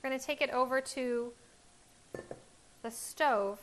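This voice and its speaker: A woman in her thirties hosts a home cooking show from her kitchen, speaking into a lapel mic and walking through each step in a friendly, instructional way. Her voice is high, unhurried and a bit bright, with slight background noise behind it.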